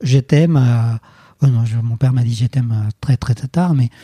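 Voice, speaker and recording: A man's voice: medium pitch, moderate pace, warm tone, husky, dry recording. A man in his thirties from Colombia, a guest recounting a personal story hesitantly, with many fillers and restarts, in a dry, close recording. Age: 30s.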